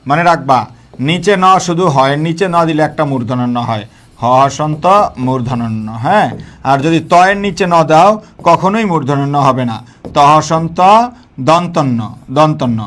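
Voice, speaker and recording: A male teacher leads a live online grammar lesson in a slightly high voice. He drills points by repeating them and keeps asking his students questions. His talk is colloquial, sprinkled with English words. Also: moderate pace, fairly bright tone. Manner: repeats key points and quizzes the class.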